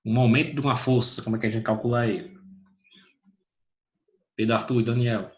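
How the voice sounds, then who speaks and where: A man gives an online physics lesson from home, speaking at an ordinary middle pitch. He calls students by name, throws out questions and answers them himself. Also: steady tone, a little fast. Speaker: teacher.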